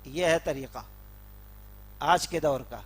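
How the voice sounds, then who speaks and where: A man preaching a sermon in a mosque, retelling a story dramatically with voiced dialogue and building to loud, emphatic peaks. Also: fairly high pitch, slightly rough.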